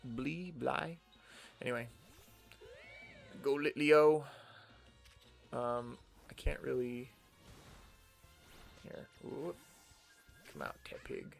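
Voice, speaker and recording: A young American streamer drags out his words in a gravelly, mid-range voice, leaving long pauses as he casually narrates his own gameplay in a General American accent. Soft background music accompanies him.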